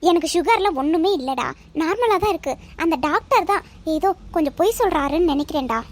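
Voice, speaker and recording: A woman's voice: very high-pitched, expressive, a little fast. A woman voicing a stubborn middle-aged cartoon mother who sneaks sweets and scolds her son. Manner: defiant, whining, scolding. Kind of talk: cartoon voice acting.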